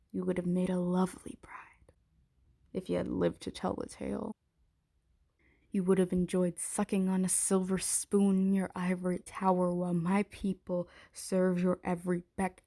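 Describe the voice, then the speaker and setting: A woman voices a haughty, menacing dragon queen for an intimate ASMR roleplay, her lowish, warm voice imperious, taunting and deliberate.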